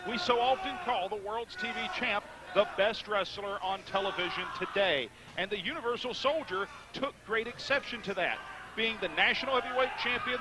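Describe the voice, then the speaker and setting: High-pitched male wrestling announcer, noisy recording. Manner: measured, articulate, formal phrasing. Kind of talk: live sports commentary. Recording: noisy live event recording.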